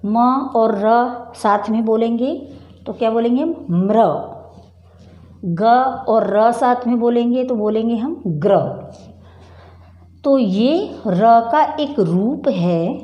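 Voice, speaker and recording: A woman's voice: fairly high pitch, slow, lo-fi sound. A middle-aged woman teaching a primary school class at the board, patient and repeating words while asking the class questions. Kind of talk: slow board lesson for children.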